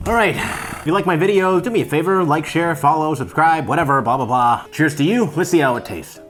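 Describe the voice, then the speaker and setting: Over faint music and the sizzle of frying in a home kitchen, a tipsy host presents a loose, playful cooking tutorial. His fairly high, somewhat bright voice moves a little fast, peppered with mock-formal wording and wry remarks.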